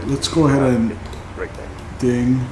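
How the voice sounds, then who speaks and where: A man playing an airline captain on a cockpit headset, reading back clearances and making calm, procedural cabin announcements. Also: mid-range voice, slow pace, echoey room, background noise. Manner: calm, procedural pilot phrasing. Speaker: flight sim streamer playing airline captain. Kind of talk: role-play radio calls and cabin announcements.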